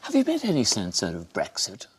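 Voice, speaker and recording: A man's voice: on the low side, huge pitch swings, brisk, noisy background. A man hosting an interview, asking direct, probing questions. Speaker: interviewer host.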